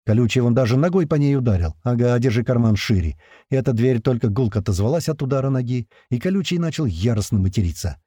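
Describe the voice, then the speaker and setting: Man, audiobook narrator, dark voice, lively intonation, rough slangy storytelling, dry close recording. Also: medium pitch, fast talker, no room sound. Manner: rough slang-filled storytelling, bursts into loud shouted lines. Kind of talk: first-person audiobook narration with acted shouts.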